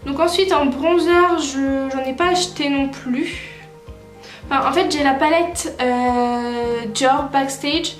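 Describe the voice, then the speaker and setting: A young woman with a high, light voice talks her viewers through her makeup in a relaxed, chatty way, often pausing on fillers and correcting herself. Her voice rings in a roomy space, with faint music playing underneath. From France. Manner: chatty, many filler "euh" and self-corrections. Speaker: beauty vlogger. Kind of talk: casual makeup tutorial chat. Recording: roomy echo with soft music behind.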